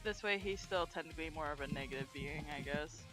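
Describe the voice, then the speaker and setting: A woman's voice: low-pitched, quick pace, a bit bright. A woman chatting playfully while she draws, rambling about her character with laughs. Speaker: artist, streamer. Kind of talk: casual chat while drawing. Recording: faint music behind.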